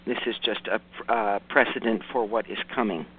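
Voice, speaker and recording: Man, hoarse raspy voice, radio host, informal news delivery, hesitant self-corrections, folksy asides, thin narrowband sound. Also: fairly low pitch, steady tone, moderate pace. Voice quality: raspy, rough voice. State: hoarse from hay fever. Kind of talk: informal news reporting with commentary. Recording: muffled, narrowband radio broadcast.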